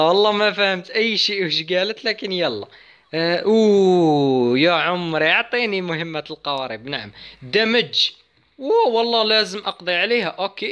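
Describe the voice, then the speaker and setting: A man hosting a gaming channel, giving excited let's-play commentary, chatty and talking straight to his viewers. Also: sits high. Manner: excitable, chatty, addresses viewers, yelps at game moments.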